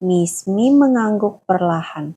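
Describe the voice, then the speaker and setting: A woman tells a children's bedtime-style story gently, stopping to explain words for a child who's listening. Her voice is mid-range and husky, with lively intonation.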